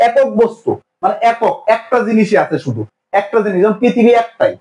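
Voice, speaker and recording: A man's voice: high-pitched, sing-song, a little fast, darkish tone, highs cut off. A young man teaching an exam-prep grammar lesson, asking questions and answering them himself in repeated drills. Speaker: English teacher.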